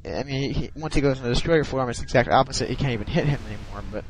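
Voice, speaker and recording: Talking very fast in a medium-pitched voice over poor audio, a man commentates casually on a strategy game replay. He yawns and sounds sleepy and hesitant, filling his speech with ums and false starts.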